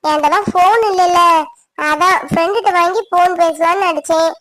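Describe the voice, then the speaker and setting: A woman's voice: extremely high pitch, fairly quick. A woman voicing a shy, pleading college girl. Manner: gentle, apologetic, pleading. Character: shy young female college student, timid and pleading. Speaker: cartoon voice actor. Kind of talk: animated village drama voicing.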